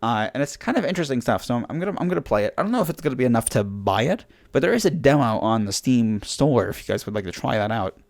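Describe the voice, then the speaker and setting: Talking fast with few pauses, a young podcast host uses a creaky, mid-range voice that swings widely in pitch. His voice is failing, yet the casual chat keeps rambling with plenty of laughs and fillers.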